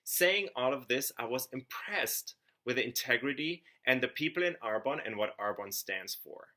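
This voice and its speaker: Bright-voiced young German man pitching. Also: animated, moderate pace. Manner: earnest, upbeat, with small slips and restarts. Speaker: network marketing consultant. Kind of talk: scripted sales pitch to camera.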